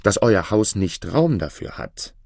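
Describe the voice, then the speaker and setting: A man playing a loyal servant in a storybook, calm and cunning, with a deep slow voice that persuades patiently. The sound is dry and close. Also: creaky, no room sound, exaggerated voice. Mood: persuasive.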